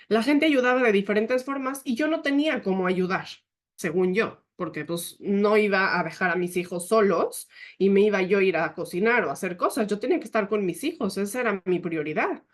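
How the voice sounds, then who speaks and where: A woman's voice: mid-range voice, moderate pace. A woman giving a leadership talk, telling a personal story in an earnest, emotional way. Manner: often quotes herself and others.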